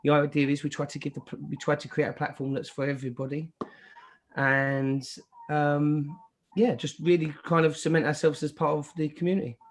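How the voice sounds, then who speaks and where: Male participant, slightly high voice, little melody, tentative informal explanation. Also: little pitch movement, brisk. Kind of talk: casual chat, explaining.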